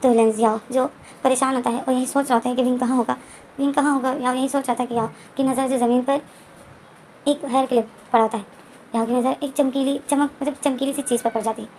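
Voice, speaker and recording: Rapid rambling woman retelling a story. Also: high voice, steady tone, darkish tone, slight background noise. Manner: rambling, repeats herself and restarts. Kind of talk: casual retelling of a fan story.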